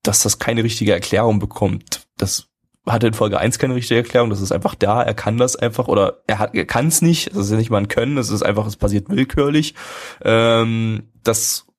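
A man's voice: on the low side, moderate pace. A man hosting a casual anime discussion on a live stream, arguing his point hesitantly and circling back to restate it.

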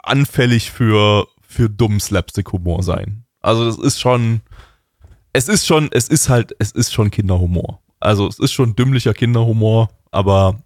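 Low-voiced rambling podcast man. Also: normal speed, a little mellow, no room sound, studio quality. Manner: rambling, many fillers and restarts. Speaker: podcast co-host. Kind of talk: casual chat.

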